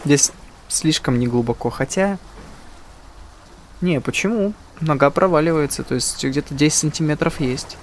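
A man's voice: fairly high pitch, normal speed, a little hiss or hum. A man hosting a gaming channel with casual let's-play commentary, musing aloud and joking.

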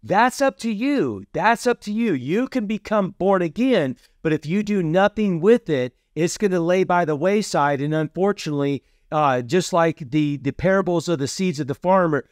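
Man preaching with a higher voice. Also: expressive, normal speed, few pauses, no room sound, studio quality. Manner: repeats "Amen?" and "So see" often. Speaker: preacher hosting a teaching series. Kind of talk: casual sermon teaching.

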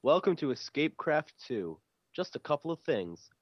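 Lively young man reading game signs. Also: on the high side, no echo, lo-fi sound. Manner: animated, breaks into laughter, slow mock-sinister sign reading. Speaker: gamer. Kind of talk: casual Let's Play chat, reading signs aloud.

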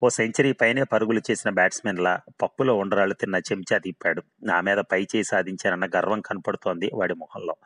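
A man tells a humorous story, reading in a steady, wry way. His voice sits on the lower side and stays even through the narration. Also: fast talker, hardly any pauses.

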